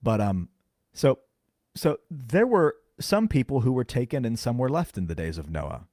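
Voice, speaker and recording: A man co-hosting a podcast, carefully explaining scripture in casual chat and slowing down to stress key words. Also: mid-range voice, sing-song, mellow, dry recording, studio quality. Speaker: podcast co-host. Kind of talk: casual Bible teaching chat.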